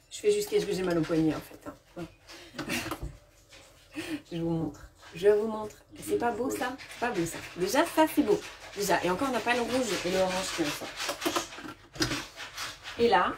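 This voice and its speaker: A woman's voice: mid-range voice, noisy background. Chatty woman demonstrating a recipe in a clattering kitchen. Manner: chatty, many fillers and restarts, answers viewers' comments. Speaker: cooking demonstrator. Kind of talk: live cooking demo chat. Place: home kitchen. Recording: distant mic with kitchen clatter. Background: clinking dishes and utensils.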